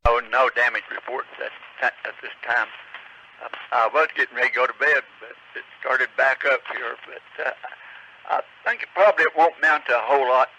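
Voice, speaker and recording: Spotter a man on a glitchy breaking radio link, gravelly voice, faint hiss. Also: mid-range voice, bright, forceful tone, lo-fi sound. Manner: halting, chatty, with many fillers. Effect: breaking-up glitchy radio signal. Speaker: storm spotter calling in. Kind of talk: radio check-in report. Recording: crackly distant radio signal with hiss.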